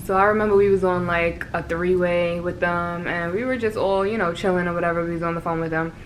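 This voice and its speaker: A woman's voice: lowish voice, fairly even intonation, fast, rough recording. A young woman from Brooklyn with a New York accent, chatting casually in a vlog, rambling with lots of fillers. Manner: rambling, filler-heavy, laughs often. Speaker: vlogger. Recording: faint background noise.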